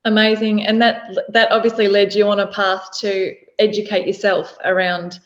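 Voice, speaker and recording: A woman's voice: medium pitch, little pitch movement, normal speed, highs cut off. A woman hosting a podcast, speaking earnestly and admiringly as she opens the show and interviews her guest. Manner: earnest, admiring, with some fillers and restarts. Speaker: podcast host.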